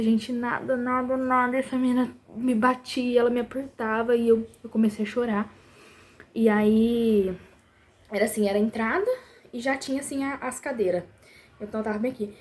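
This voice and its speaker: A woman's voice: a little high, dark tone, breathy edge. A woman, a mother telling a frightening family story to her viewers, emotional and breathless, repeating herself and appealing to them directly. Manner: tearful, breathless, many repetitions and pleas to the viewers. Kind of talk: emotional personal testimony.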